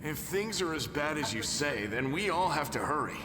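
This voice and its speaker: Casting: worried male game hunter, highish lively voice, earnest, in noisy reverberant space. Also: normal speed. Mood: wary, urgent. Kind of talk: video game dialogue.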